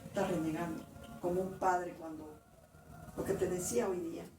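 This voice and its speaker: A woman's voice: on the low side, little pitch movement, moderate pace. A woman preacher telling a personal testimony in a sermon, emotional and restarting her words, in an echoey church room. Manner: emotional storytelling with frequent restarts. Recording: echoey room, distant mic, faint noise.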